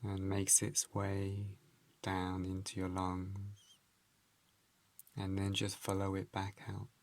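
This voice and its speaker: A man sitting low in his range, with some vocal fry, talks listeners through a guided meditation. He gives calm, gentle instructions slowly, using measured phrases and pauses.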